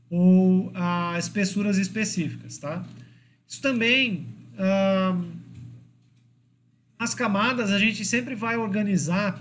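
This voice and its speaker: A man's voice: high-pitched, slight background noise. A man with a Brazilian Portuguese accent giving a university lecture, explaining step by step and checking in with the class. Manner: explanatory, checks in with frequent tag questions. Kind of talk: classroom lecture on drawing software.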